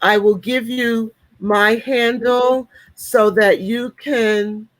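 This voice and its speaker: Late-sixties woman, upbeat panelist, chatty and warm-toned, dry mic. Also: a little high, steady tone, extremely slow, dry recording, rough recording. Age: 60s. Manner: chatty, upbeat, with frequent ums. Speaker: panelist and leadership coach. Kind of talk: casual online panel talk.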